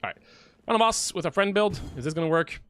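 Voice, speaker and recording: A man giving animated live gameplay commentary as a streamer, who keeps addressing his viewers as friends. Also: fairly high pitch, fast talker, a little hiss or hum. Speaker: gaming streamer.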